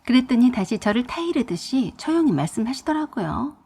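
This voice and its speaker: Husky-voiced woman telling her story. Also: on the high side, big pitch swings, brisk, dark tone. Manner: indignant, exasperated telling. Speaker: narrator. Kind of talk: first-person storytelling.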